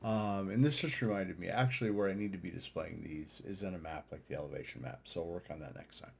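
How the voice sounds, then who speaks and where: Talking fast in a deep, gravelly, husky voice, a man walks through data charts on a screen share. He's an amateur radio operator and video host, and his commentary is casual and unscripted, halting as he thinks aloud.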